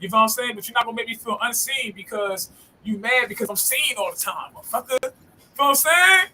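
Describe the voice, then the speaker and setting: A woman hosting a casual podcast chat, animated and profane, often checking that she is understood. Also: on the high side, quick pace, a little hiss or hum. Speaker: podcast host.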